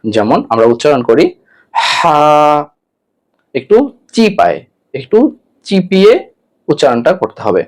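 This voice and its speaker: A man's voice: medium pitch, big pitch swings, moderate pace, long pauses, darkish tone. A man teaching an online Quran lesson, patiently giving step-by-step mouth instructions and repeating each letter sound three times.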